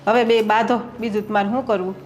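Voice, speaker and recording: A woman's voice: mid-range voice, fairly even intonation, fast, natural voice. A middle-aged woman playing a weary mother-in-law who reasons and soothes between two daughters-in-law. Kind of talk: family drama acting. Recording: echoey room.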